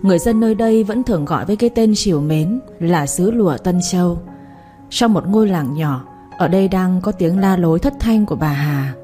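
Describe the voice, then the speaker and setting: A woman narrating a story in a steady, measured reading voice. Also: lowish voice, soft background music.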